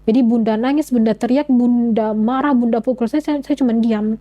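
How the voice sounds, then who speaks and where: A woman's voice: fairly high pitch, fairly even intonation, a little fast, dark tone, poor audio. A young woman telling her personal story in an interview, speaking earnestly with frequent halts and restarts. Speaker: interview guest.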